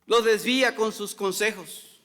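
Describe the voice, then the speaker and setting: Male pastor, very high and bright voice, preaching in a reverberant church, loud then hushed. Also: unhurried. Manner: preaching, repeats "hermanos" often, swings between loud and hushed. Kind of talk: sermon. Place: church hall. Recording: long church hall reverb.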